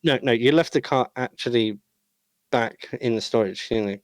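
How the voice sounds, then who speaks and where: A man's voice: mid-range voice, normal speed, no echo. A man narrating as game master, rambling with lots of uh and you know.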